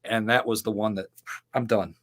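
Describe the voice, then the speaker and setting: Steady, a bit bright, lowish and moderately paced, the voice belongs to a middle-aged man who founded a ministry. Appearing as a guest, he tells long stories casually, rambling with frequent fillers and the odd laugh.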